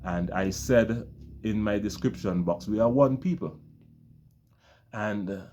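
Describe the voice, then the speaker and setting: Man, very deep voice, earnest vlogger, repetitive, addresses viewers as friends. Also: a little slow, darkish tone. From Caribbean. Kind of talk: casual talk to camera.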